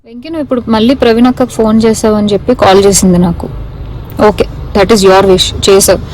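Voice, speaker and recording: A woman records a phone voice message at a quick clip, firm and insistent, circling back to the same points and slipping in English phrases. Her pitch sits in an ordinary middle range, and a faint hiss runs under the message. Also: darkish tone, rough recording. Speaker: sender of the message. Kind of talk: voice message left for a man.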